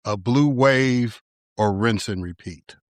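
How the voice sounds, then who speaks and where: A man from Chicago hosting an interview, speaking in a relaxed, conversational way and often restarting his phrases. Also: medium pitch, slow pace, no room sound. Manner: relaxed, conversational, stumbles over starts. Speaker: podcast host.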